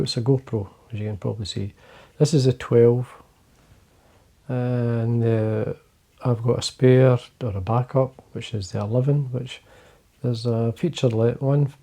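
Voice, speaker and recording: An older Scottish man with a low, quiet voice, gravelly and mellow in tone. He chats casually to the camera from his desk, wandering through his points with plenty of fillers. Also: steady tone, measured pace. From Scotland. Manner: quiet, rambling, many fillers and restarts. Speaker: fly-fishing video host. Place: indoors, fly-tying desk.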